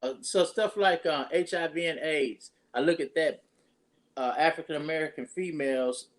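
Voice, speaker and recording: A man's voice: a little high, normal speed. A pastor, talking casually and rambling through his introduction of a guest with many restarts.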